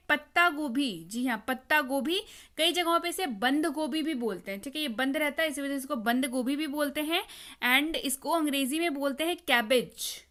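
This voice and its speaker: A woman's voice: high-pitched, pushed and bright. A woman teaching vocabulary in a video lesson, explaining patiently, repeating words and quizzing the viewer. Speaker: English teacher.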